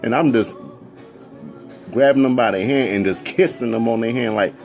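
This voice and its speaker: A man telling a story casually, excitable and jumping into high squeals when he quotes people. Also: normal speed, soft background music.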